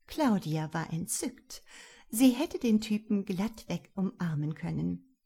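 A woman narrating a novel in an expressive, lively reading voice. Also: on the low side, takes it slowly, vocal fry, slightly rough. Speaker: audiobook narrator.

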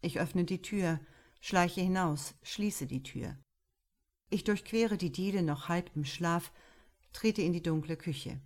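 A woman narrating a first-person literary story in a calm, measured way as an audiobook reader. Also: lowish voice. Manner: calm, measured, unhurried delivery.

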